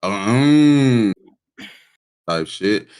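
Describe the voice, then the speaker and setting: A man's voice: on the low side, lively intonation, very slow, a little mellow, smooth. A man on a casual group voice chat, hesitant and drawling as he thinks aloud.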